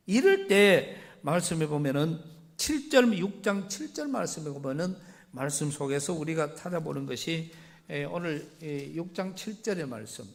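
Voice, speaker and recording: A male pastor with a Gyeongsang accent delivers a sermon in a lively, swooping voice. He moves between loud, emphatic lines and quiet asides as he reads scripture and explains it in everyday words. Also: high-pitched, gravelly. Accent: Gyeongsang Korean.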